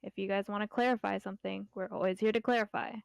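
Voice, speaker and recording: Clear-voiced woman running an informal meeting. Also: medium pitch, steady tone, quick pace, no room sound, studio quality. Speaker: admin leading an online game community meeting. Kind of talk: informal meeting talk, explaining rules.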